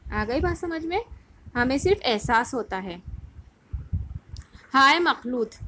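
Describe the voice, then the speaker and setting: A woman teacher with a high voice walks children through a grammar lesson. She is patient, keeps asking the class questions and then answers them herself. A faint hiss with small clicks sits under her voice. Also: a bit bright. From India. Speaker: school Urdu teacher.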